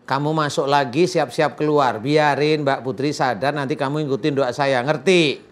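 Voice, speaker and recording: A man's voice: mid-range voice, steady tone, moderate pace, a crowd in the background. A man, a preacher, coaxing and joking through a spiritual healing session, then chanting prayers. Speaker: Islamic preacher performing an exorcism.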